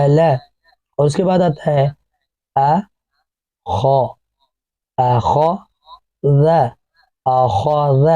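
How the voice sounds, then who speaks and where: Patient man drilling syllables slowly. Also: on the high side, dark tone, no room sound, highs cut off. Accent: Pakistani Urdu. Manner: patient, drills each sound slowly, repeating it. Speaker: Quran recitation teacher. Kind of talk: online class, slow syllable drilling.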